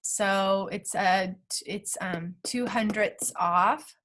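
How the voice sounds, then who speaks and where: Unhurried woman teaching a math lesson. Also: mid-range voice, fairly bright tone. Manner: talks through steps aloud, checking in with okay. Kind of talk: screen-recorded math lesson.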